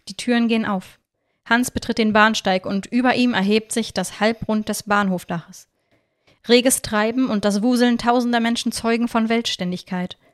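A woman narrating a crime story in a slow, deliberate reading voice. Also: mid-range voice.

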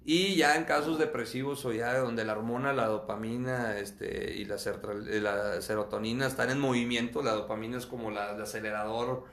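A man talks fast and openly, tripping over and restarting his words as he goes. His pitch sits in the middle range for a man. The recording carries a noticeable room echo. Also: steady tone, fairly bright tone. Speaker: guest sharing his own experience. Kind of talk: candid conversational interview.

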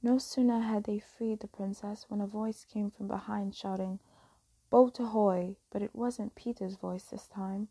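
A woman telling a fairy tale as a soft, slow, whispered bedtime story reading. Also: mid-range voice, level tone, slightly rough, no room sound, poor audio.

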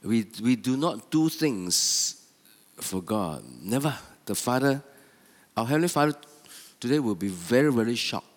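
A man's voice: medium pitch, animated, measured pace, long reverb tail. A man preaching a sermon with repetitive, stop-start, emphatic phrasing.

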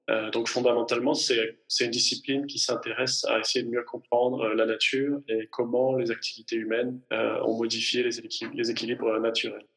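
A man's voice: mid-range voice, fairly bright tone, poor audio. A man in his thirties from the French Alps, a climate scientist answering interview questions with many fillers and restarts. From Hautes-Alpes, France. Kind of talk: podcast interview.

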